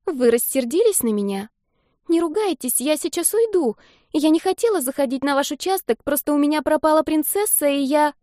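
A woman reading an audiobook, voicing a timid, curious eight-year-old girl in a high, eager childlike voice. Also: expressive, a little fast, warm tone, no room sound, clean studio sound. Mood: anxious. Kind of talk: audiobook character voice.

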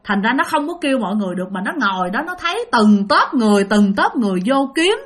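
A woman's voice: on the high side, big pitch swings, fast. A woman telling a ghost story in a chatty way, speaking straight to her listeners. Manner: chatty, addresses listeners directly.

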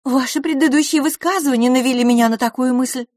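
A glamorous, excitable young society woman with a high, breathless voice, put on by a female audiobook reader. The sound is close and dry. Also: quick pace, no echo, natural voice. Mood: curious.

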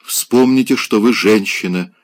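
A man reading a stern, flustered young gentleman. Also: fairly low pitch, unhurried, no echo, lightly acted. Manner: stern, admonishing.

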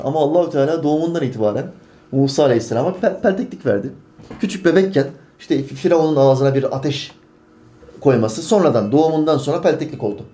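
A man's voice: mid-range voice, mellow. A man preaching a sermon, emphatic and full of rhetorical questions to his congregation.

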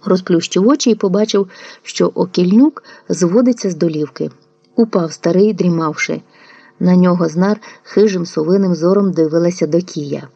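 Жінка читає аудіокнигу спокійно й виважено. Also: female voice, lowish voice, vocal fry, slightly rough, dry recording. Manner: calm, measured storytelling. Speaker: audiobook narrator. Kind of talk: literary audiobook reading. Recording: dull lo-fi dry recording.

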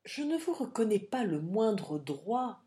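A woman's voice: mid-range voice, big pitch swings, slow, warm tone. A woman reading the lines of a proud, indignant young widow countess in an audiobook. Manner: indignant, dignified.

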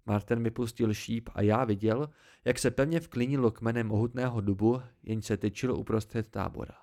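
A man narrating an amateur audiobook, raising his voice for the shouted dialogue. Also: mid-range voice, fairly even intonation. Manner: reads with rising intensity, shouting out the dialogue. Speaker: audiobook reader.

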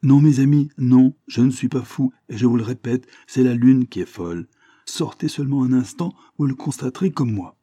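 A man's voice: medium pitch, moderate pace, mellow, no echo, lightly acted. A man reading a story aloud, voicing a retired harbor captain in a raised, urgent, declamatory tone. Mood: alarmed.

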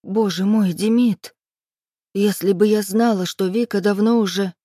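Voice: medium pitch, fairly even intonation, unhurried, dark tone, no room sound, clean studio sound, voice pushed up, lightly acted. A reader voicing a guilty, tearful middle-aged mother in an audiobook. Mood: anxious. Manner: pleading, tearful. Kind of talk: audiobook character voice.

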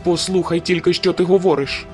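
A woman's voice: on the low side, steady tone, a little fast, darkish tone, faint music behind, lightly acted. A woman voicing a hot-tempered young male werewolf in an audiobook, with clipped, bitter retorts. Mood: shouting.

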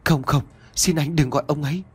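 Brief: man putting on a frightened young girl, high tearful begging voice. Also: fairly even intonation, a little fast, husky. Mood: pleading. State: crying, pleading. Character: terrified young servant girl.

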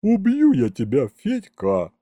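A bossy elderly woman bookkeeper barks and grumbles in a gruff, heavy voice, as a male narrator puts her on. The tone is dark and mellow, and the dry recording sits close to the mic. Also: a little high, wildly swooping pitch, takes it slowly, dry recording, full character voice. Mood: scolding. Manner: bellowing, scolding.

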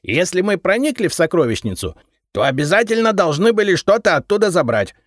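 A man's voice: sits high, sing-song, a little fast, no echo, clean studio sound, voice pushed up. A man voicing a brash, smug male treasure-finder who argues defiantly and raises his voice, in an audiobook. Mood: defiant, cocky. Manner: defiant, argumentative. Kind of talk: audiobook character reading.

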